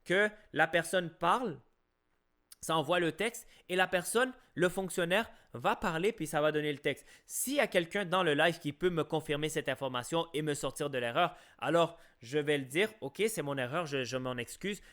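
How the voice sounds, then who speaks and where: A man with a Québécois French accent and a voice pitched a little high delivers a heated opinion monologue on a live stream. He presses his points with repeated rhetorical questions and often stops to restart his sentences. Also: normal speed, fairly bright tone. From Quebec, Canada.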